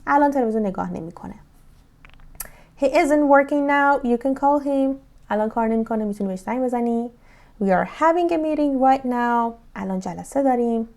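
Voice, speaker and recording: A young woman with a Persian accent teaching English grammar, giving slow, deliberate English examples and quick explanations in Persian. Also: fairly high pitch, expressive, a little mellow. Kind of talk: grammar lesson.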